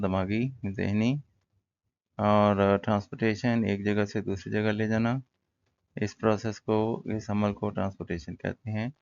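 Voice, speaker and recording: Male teacher, relaxed explainer, gravelly low voice, muffled lo-fi sound. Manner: relaxed, explains in Urdu with English terms, many fillers. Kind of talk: casual classroom-style lesson.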